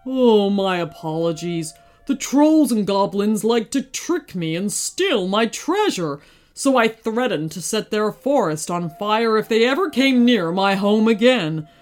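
A woman voicing a huge, grumpy and lonely male dragon, speaking slowly and gruffly. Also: mid-range voice, lively intonation, darkish tone, soft background music, natural voice. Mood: sad.

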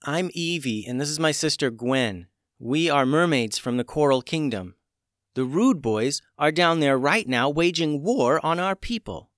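A man's voice: a little high, lively intonation, measured pace, a bit bright, dry recording, voice pushed up. An urgent, determined young mermaid, as a storyteller puts her on, earnest and pressing. The voice rides well above his own and swings widely, heard close and dry.

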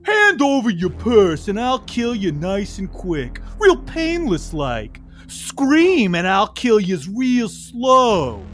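Cartoonish street thug played by a man, pitched up, loud, slow menacing drawl, tabletop game. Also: huge pitch swings, faint music behind, exaggerated voice. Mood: taunting, menacing. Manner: drawling, taunting, streetwise gangster talk. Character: menacing male street mugger, cartoonish crook. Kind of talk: in-character tabletop role-play.

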